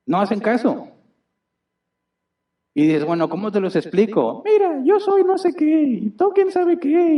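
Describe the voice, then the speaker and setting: A man's voice: medium pitch, mellow, distant mic. A man, preaching a conversational sermon in a church auditorium and checking in with rhetorical questions. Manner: chatty and explanatory, tags points with rhetorical questions. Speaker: pastor.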